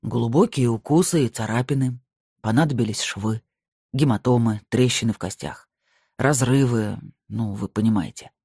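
A stern male medium, played by an audiobook reader, speaks slowly in curt, grim sentences. His tone is warm and husky. The recording is dry and close. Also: mid-range voice, dry recording. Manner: slow, clipped and curt. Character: stern bearded male medium, weary and tense.

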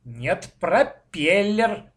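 Man doing a loud stubborn little boy in a storybook, high squeaky voice, shouting in slow bursts. Pitch jumps way up and down. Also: very animated, heavily acted. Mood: excited, insistent. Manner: shouting, insistent.

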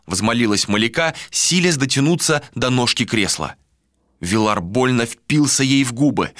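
A male narrator reads a novel with dramatic flair. His voice is bright and forceful and moves a lot in pitch. It is recorded close and dry. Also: no room sound. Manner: dramatic, animated storytelling. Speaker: audiobook narrator. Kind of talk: expressive fiction narration.

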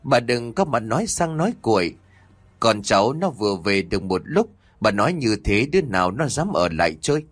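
A man doing a gruff stubborn old grandfather. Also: on the low side, sing-song, brisk, no echo. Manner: scolding, brusque.

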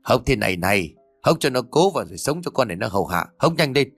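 A man voicing a cruel middle-aged daughter-in-law who scolds harshly and fast, in a lively reading. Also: medium pitch, slightly rough, no echo, faint music behind, full character voice. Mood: berating.

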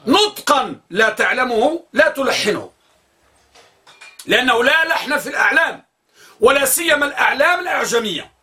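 A man teaching a grammar class with a high, bright voice. He explains at length and repeats words slowly to spell out each vowel. He pauses to put questions to his listeners. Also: sing-song. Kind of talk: classroom lecture on pronunciation.

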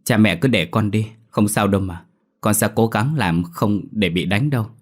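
A man voicing a gentle dutiful peasant boy. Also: lowish voice, moderate pace, lightly acted. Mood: tearful. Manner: soft, reassuring.

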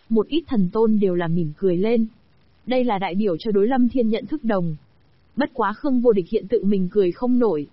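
Synthetic female narrator for a fantasy audiobook; steady machine read, slightly high voice, dry close sound. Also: no echo, lo-fi sound.

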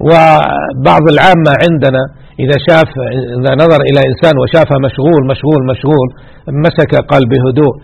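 Fast, gravelly sheikh exhorting his listeners. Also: a little high, steady tone, a little mellow. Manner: exhorting, repeats key words for emphasis. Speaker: sheikh teaching hadith. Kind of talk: religious lesson.

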